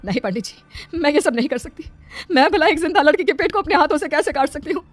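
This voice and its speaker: An anxious, brave village aunt acted by a woman in a horror cartoon. She talks fast in a high, urgent, pleading voice over faint music. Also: lively intonation. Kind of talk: Hindi horror cartoon voice acting.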